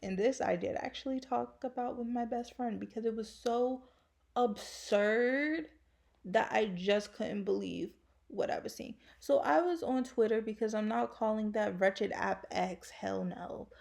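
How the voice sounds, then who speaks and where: A woman's voice: on the high side, gravelly, darkish tone. A woman ranting bluntly in a casual vlog, with slang and plenty of profanity. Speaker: faceless YouTuber.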